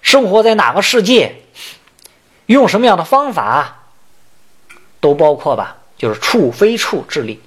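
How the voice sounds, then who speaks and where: Man teaching a sutra, highish voice that swings up and down a lot, explains each point, slows down for the verse lines. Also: very animated, breathy edge. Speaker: Buddhist teacher. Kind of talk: sutra lecture.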